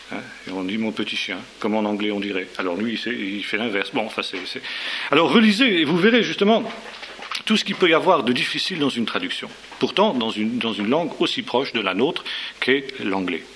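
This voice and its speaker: A man's voice: medium pitch, fairly bright tone. Hesitant French-speaking man lecturing, faint hiss. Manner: hesitant, many fillers and repeated words, tag questions. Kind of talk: informal spoken lecture.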